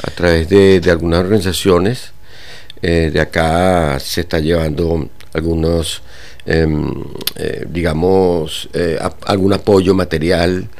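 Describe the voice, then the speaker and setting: An older man from Venezuela, a guitar teacher, speaking haltingly with many pauses and fillers in a radio interview. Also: sits low, little pitch movement, darkish tone. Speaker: guitar teacher and orchestra director.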